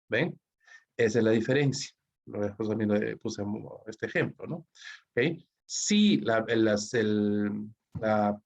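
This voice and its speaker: A man with a lowish, slightly mellow voice teaches an online English grammar class, his Peruvian Spanish accent marking him as from Peru. He proceeds step by step, checking understanding with a steady stream of "¿ok?" and "¿no?". It's a dull lo-fi recording.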